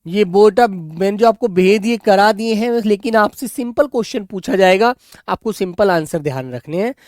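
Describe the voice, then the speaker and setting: Male teacher dictating to kids, repeats each word slow, fond tone, dry close sound. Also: high voice, lively intonation, darkish tone, dry recording. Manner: dictates slowly, repeating words for note-taking; affectionate, calls students "beta". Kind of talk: Hindi grammar lesson for children.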